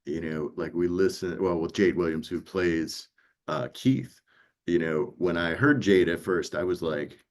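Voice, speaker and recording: On a casual panel, an audiobook producer from New York tells stories and performs snippets of dialogue. He speaks with a low-sitting voice at a measured pace.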